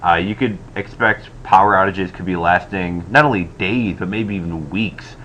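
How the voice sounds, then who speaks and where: A man's voice: low voice, moderate pace, fairly bright tone. A man giving an explanatory weather update as a forecaster, recorded on a cheap stand-in microphone. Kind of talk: explanatory weather update commentary over maps. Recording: dull, noisy cheap microphone audio.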